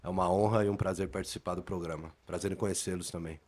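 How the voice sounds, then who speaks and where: A man's voice: deep voice, fairly even intonation, fast, a little mellow. A middle-aged man from inland São state, a police officer guesting on a podcast, telling his story earnestly and formally, often repeating words as he thinks. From interior of São Paulo state, Brazil. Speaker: police lieutenant colonel, guest.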